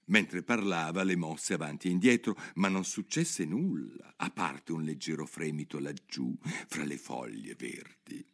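A man narrating a children's storybook aloud with expressive, animated delivery. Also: a bass voice, a little slow, vocal fry, hardly any pauses.

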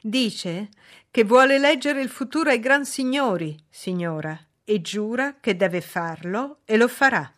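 A flustered male footman, anxious and apologetic, as a woman reader puts him on. His voice is raised and loud, eager to explain himself in a storybook reading. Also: on the high side, lively intonation, unhurried, voice pushed up.

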